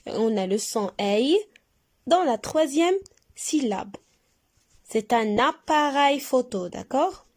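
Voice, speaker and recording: Female primary teacher, rather high voice, extremely slow and deliberate, drawing out each syllable for young pupils to repeat. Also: a little mellow. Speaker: primary school French teacher. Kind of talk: recorded reading lesson for young pupils.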